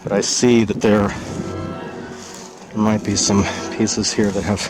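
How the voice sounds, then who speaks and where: Low-voiced man hiking and thinking aloud. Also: level tone, over music, rough recording. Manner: halting, thinking aloud with many pauses. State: out of breath from climbing. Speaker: vlogger exploring ruins. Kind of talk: hiking vlog narration. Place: outdoors on a steep hillside. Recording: outdoor wind and ambient noise.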